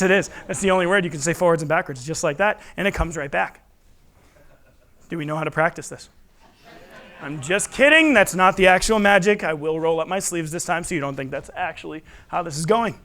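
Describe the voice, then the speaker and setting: A man's voice: fairly high pitch, fairly quick, fairly bright tone. A man performing live as a magician, teaching tricks with playful kids party patter, teasing and putting questions to his audience. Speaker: stage magician. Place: live show in a room before a responding audience.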